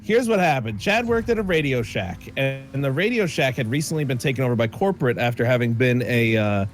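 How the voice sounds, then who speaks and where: A man's voice: mid-range voice, animated, a little fast, soft background music. A man chatting casually with friends during an online racing game, telling a story and swearing freely. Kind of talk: casual gaming chat.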